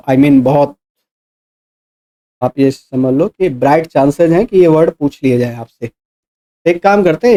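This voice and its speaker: Hindi-accented man teaching in a mellow voice. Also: fairly high pitch. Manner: repetitive, explaining step by step with rhetorical questions. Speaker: exam-prep English teacher. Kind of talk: classroom lecture in mixed Hindi and English.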